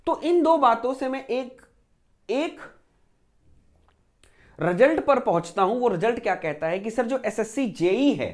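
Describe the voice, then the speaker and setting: A man's voice: extremely high pitch, lively intonation, unhurried, pauses often. A man teaching an exam preparation lecture, asking himself rhetorical questions and repeating key phrases to drive each point home.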